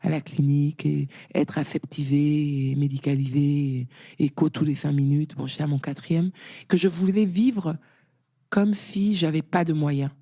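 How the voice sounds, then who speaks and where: A middle-aged woman guest talking casually in an interview, a lively storyteller whose voice rises when she quotes others. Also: deep voice, moderate pace. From France.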